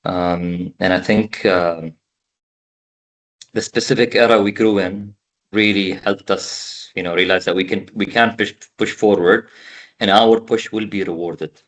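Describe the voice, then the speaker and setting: A man from the Emirates in his thirties speaks with a very low voice. He talks casually over a video call, pausing and repeating words while he gathers his thoughts. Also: steady tone, fairly bright tone. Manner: halting, repeats words while thinking aloud. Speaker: podcast guest. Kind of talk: casual conversation.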